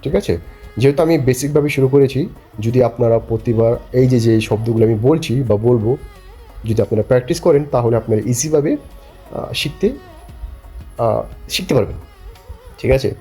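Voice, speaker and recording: A man teaching a beginner language class, patiently repeating phrases slowly and often checking that learners follow. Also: mid-range voice, dark tone, breathy edge, soft background music. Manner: keeps asking if learners follow.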